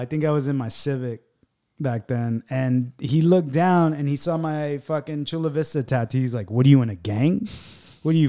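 A man's voice: fairly high pitch, clean tone. A man telling a story in a casual chat, swearing freely. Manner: swearing, lots of yeah backchannels.

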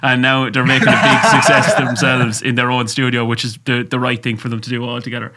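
Bright-voiced west of Ireland man hosting a podcast. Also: mid-range voice, little pitch movement, brisk. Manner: jovial, sweary banter. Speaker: podcast host. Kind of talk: jokey casual podcast interview.

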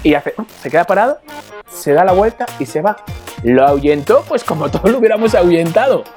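A man, co-hosting a casual chat and acting out stories with sudden shouts. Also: high voice, animated, fairly quick, faint music behind. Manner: playful, acts out scenes with shouts. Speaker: co-host.

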